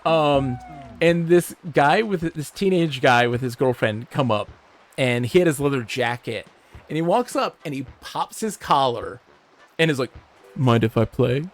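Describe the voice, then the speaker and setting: A man from Michigan, livestreaming, who tells animated, swear-laced stories and reads chat aloud. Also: mid-range voice, measured pace. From Michigan, USA. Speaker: streamer. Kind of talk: casual storytelling while livestreaming a game.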